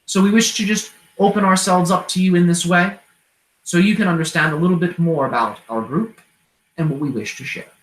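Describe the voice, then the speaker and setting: A man channeling an inquisitive, open-hearted otherworldly being like a seance medium, speaking in formal, measured, abstract sentences. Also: sits high, a bit bright. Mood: solemn, explanatory. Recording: roomy, echoing sound.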